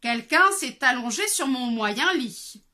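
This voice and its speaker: Brief: a woman playing a calm mama bear, slow and measured, storybook style. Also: sits high, exaggerated voice.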